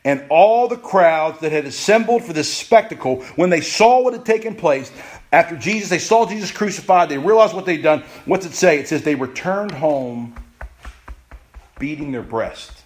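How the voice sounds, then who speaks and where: A man preaching a sermon, emphatic and repeating phrases, at times rushing and at times slowing right down. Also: on the high side, animated. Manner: emphatic, repeats phrases, pace swings from rushed to slow. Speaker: pastor.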